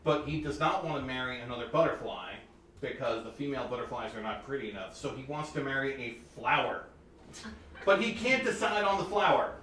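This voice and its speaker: Between pieces at a recital, a pianist chats about the stories behind the music, turning aside to his listeners as he goes. He speaks briskly and animatedly at medium pitch, his voice pushed and bright. The phone-and-USB-mic setup sits at a distance in an air-conditioned room, giving a roomy sound with faint ambience and a little hiss or hum.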